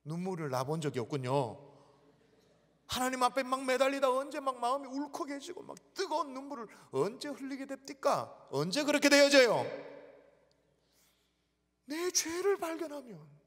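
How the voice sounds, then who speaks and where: Man, pastor, sermon, lively swooping pitch, echoing church hall. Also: normal speed. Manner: emphatic, questioning the congregation, acting out inner thoughts. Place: church sanctuary.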